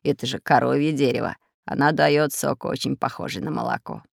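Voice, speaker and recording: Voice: medium pitch, brisk, vocal fry, dry recording, clean studio sound. A storybook narrator voicing a learned geographer professor who explains things patiently. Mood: explaining. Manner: explaining, lecturing.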